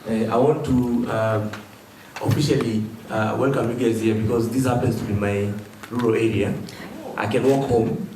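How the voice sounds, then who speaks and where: A man's voice: fairly low pitch, fairly even intonation, moderate pace. Jovial man. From Kenya. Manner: jovial, welcoming. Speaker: public commentator. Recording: echoey hall, distant mic, background noise.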